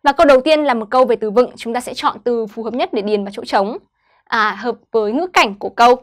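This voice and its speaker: A woman teaching an online English lesson, slowly modeling each English word and then explaining it to schoolchildren. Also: on the high side. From Vietnam.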